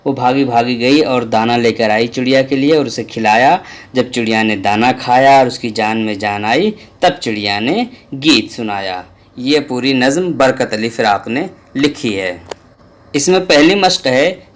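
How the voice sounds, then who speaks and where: A man's voice: medium pitch, measured pace. A man teaching a school Urdu lesson, reciting a children's poem and then explaining the exercises patiently.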